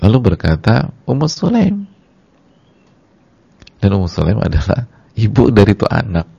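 Gravelly low-voiced male preacher. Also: huge pitch swings, normal speed, dark tone, dull audio. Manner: acts out dialogue in a high weeping voice; addresses the women in the audience directly. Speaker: Islamic preacher. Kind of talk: sermon-style religious lecture.

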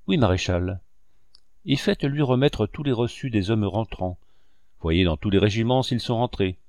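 A man's voice: lowish voice, animated, normal speed, darkish tone, no echo, clean studio sound. A man voicing an older army marshal who gives terse, commanding orders, in an audiobook reading.

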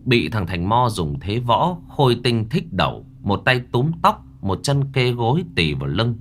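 A man's voice: mid-range voice, very animated, measured pace, a little hiss or hum. A man narrating a horror story in the first person with dramatic, vivid delivery.

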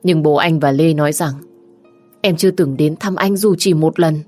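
Brief: woman reading a soft-spoken tender young man, low and gentle. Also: normal speed, faint music behind.

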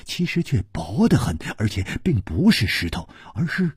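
A male storyteller narrating a martial arts tale in a lively, dramatic way. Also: on the low side, normal speed, breathy edge, no room sound, clean studio sound.

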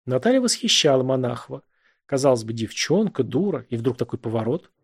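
A man narrating a literary novel as an audiobook. His reading is measured and reflective, with a husky voice at a middling pitch. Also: very animated.

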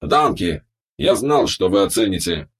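Cheerful male robot cook, put on by a male reader: deep, raspy voice, storybook delivery. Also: sing-song, a little slow, heavily acted. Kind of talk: audiobook character voice.

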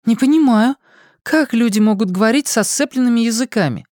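A reader doing a sharp-tongued teasing girl. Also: medium pitch, dry recording, studio quality, voice pushed up, natural voice. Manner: mocking, quick retorts.

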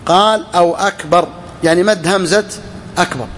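A sheikh teaching a fiqh text explains this classical legal work to students with a touch, repeating key phrases, asking and answering his own questions, and drawling out words to demonstrate. His high, fairly bright voice moves fairly quickly over slight background noise.

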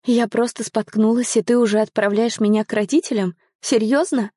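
A woman voicing a young woman who is hurt and bitter, speaking in a sharp, tearful, accusing way. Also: fairly high pitch, fairly even intonation, a little fast, dry recording, studio quality, pitched above the performer's own voice, natural voice.

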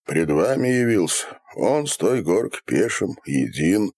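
A man voicing a calm, plain-spoken Cossack who answers without boasting in an audiobook. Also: low voice, measured pace, dry recording, studio quality, heavily acted. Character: calm middle-aged Cossack, steady and unboastful. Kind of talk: audiobook character reading.

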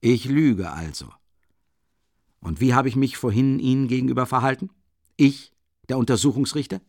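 An actor playing a sly, jovial middle-aged investigator who teases and needles with questions. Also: male voice, medium pitch, fairly even intonation, fairly quick, no room sound, clean studio sound, close to an everyday voice. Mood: mocking.

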